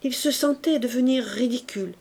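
Mellow-voiced woman reading a novel. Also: high-pitched, moderate pace, gravelly, breathy edge. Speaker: audiobook reader. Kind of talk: audiobook narration of a classic novel.

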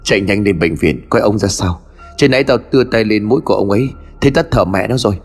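A man's voice: fairly low pitch, fast talker, creaky, long reverb tail, soft background music. A man voicing a blunt middle-aged villager giving urgent orders.

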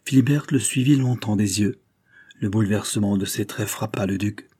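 Man, audiobook narrator, solemn, low pitch. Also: normal speed, warm tone, slightly rough, dry recording, clean studio sound. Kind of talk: scripted literary narration.

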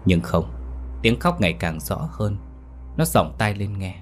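A man narrating a scripted ghost story in a steady storytelling delivery. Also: fairly low pitch, a little slow, a little hiss or hum. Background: faint music.

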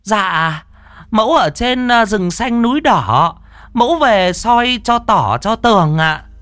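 A shrill wailing temple disciple. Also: male voice, lively intonation, slow pace, fairly bright tone, no echo, heavily acted. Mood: wailing, pleading. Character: frantic male spirit-medium disciple.

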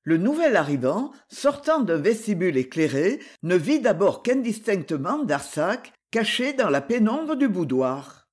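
An expressive audiobook narrator reading a classic adventure novel. The voice is breathy, with lively rises and falls in pitch, carrying the action forward. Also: unhurried, hardly any pauses. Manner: expressive storytelling.

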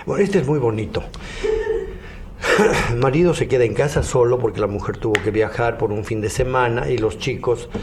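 A man's voice: medium pitch, normal speed, darkish tone. A man hosting a radio show, telling jokes, laughing often and acting out the voices of the people in them. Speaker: radio host. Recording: noisy radio broadcast.

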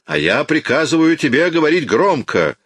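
A domineering police inspector from an audiobook barks commands with open contempt, as a man puts him on. The voice is pushed up and loud from a naturally deep register. The recording is dry and close. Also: animated, normal speed, husky, no room sound. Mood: barking. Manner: shouting, contemptuous, barking orders. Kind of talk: audiobook reading.

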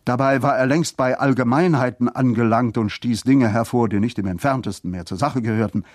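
A man reading a literary story aloud in a steady, measured narrating voice. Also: medium pitch, dry recording, studio quality. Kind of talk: scripted narration.

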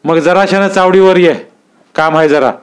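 A man's voice: high voice, steady tone, normal speed, clean tone, voice pushed up, lightly acted. A male storyteller voicing a harsh, domineering village landlord who barks menacing orders and questions. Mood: commanding. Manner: bellowing, menacing interrogation. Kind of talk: dramatic storytelling.

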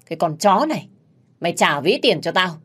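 A woman's voice: sing-song, fairly quick, a bit bright, slightly rough, full character voice. A woman voicing a spiteful young female servant who shrieks her accusations. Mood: accusing. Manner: shrill and accusing.

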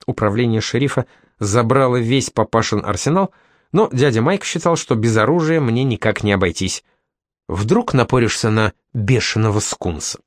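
Male narrator, first-person novel read, wry delivery, expressive pitch, dry booth sound. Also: no echo. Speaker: audiobook narrator.

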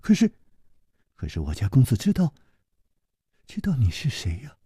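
A man's voice: medium pitch, huge pitch swings, normal speed, mellow, breathy edge, no echo, studio quality, voice pushed down, full character voice. A man voicing a timid, tearful young male servant who stammers and pleads.

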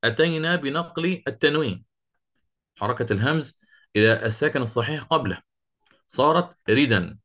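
A man's voice: mid-range voice, animated, fairly bright tone. Man teaching Quranic readings, quizzing students. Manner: explains step by step, quizzes students, recites verses slowly. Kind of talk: interactive lesson on Quranic readings.

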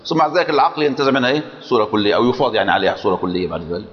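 Man, teacher, quick lecture, questions students often, muffled recording with long reverb. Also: mid-range voice. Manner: questions students, repeats "clear or not?". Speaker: teacher of logic. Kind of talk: classroom lecture.

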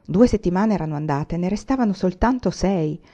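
Mellow woman reading a storybook aloud. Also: on the low side, brisk. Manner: steady, expressive reading. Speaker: audiobook reader. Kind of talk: read-aloud storybook narration. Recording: dull lo-fi recording.

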